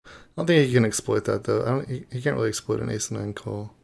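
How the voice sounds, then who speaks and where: Gravelly man muttering poker play. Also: fairly low pitch, fast, a little mellow. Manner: casual, profane, muttering to himself. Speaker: poker streamer. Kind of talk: live poker commentary.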